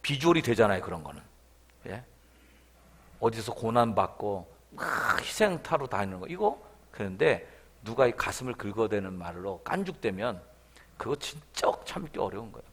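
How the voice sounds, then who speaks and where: A man's voice: medium pitch, creaky, fairly bright tone, breathy edge. A male pastor preaching at a revival meeting. He uses colloquial asides and acts out scenes as he goes. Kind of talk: revival sermon.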